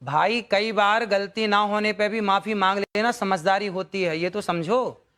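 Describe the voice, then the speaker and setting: A man with a high voice speaks as a preacher on a TV debate panel. He defends his views in a sermon-like way, quoting sayings and scripture. He often calls the others brother. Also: steady tone, unhurried, a bit bright, clean tone. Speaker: religious preacher, debate guest. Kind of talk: televised debate.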